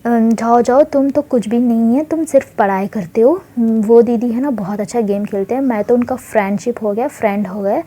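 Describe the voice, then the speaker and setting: A woman's voice: a little high, normal speed, hardly any pauses, dark tone, close to an everyday voice. A woman voicing a cheeky young boy who brags and whines at his older sister in a spoken story. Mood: boastful.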